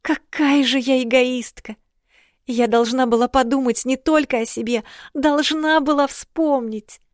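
A woman reading an audiobook, voicing a fragile young princess who is sweet, anxious and chatty, her lines high and gushing. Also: fairly even intonation, unhurried, no room sound, clean studio sound. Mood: guilt-ridden. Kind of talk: audiobook character voice.

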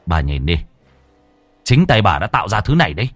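A man voicing a stern male exorcist who scolds in a gruff, commanding way. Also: low voice, very animated, brisk, no echo, faint music behind, full character voice. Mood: stern scolding.

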